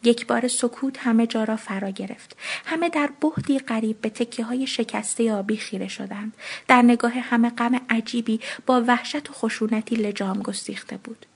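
A woman narrating a short story in an expressive reading voice, lifting her pitch when she speaks the children's lines. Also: vocal fry, slightly rough.

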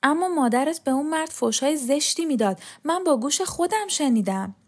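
Woman reading a soft, questioning young woman, storybook. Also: high-pitched, expressive, voice pushed up. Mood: doubtful.

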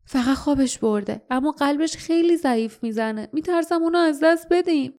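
A woman voicing a fierce young woman in a storybook reading, speaking hushed and anxious. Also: sits high, pitched above the performer's own voice.

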